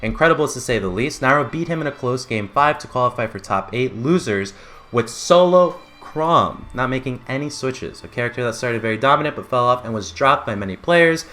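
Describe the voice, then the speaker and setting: A man's voice: medium pitch, expressive, brisk, sharp tone. A man hosting an esports results show in a casual, enthusiastic, informal way. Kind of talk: casual esports recap and co-host chat.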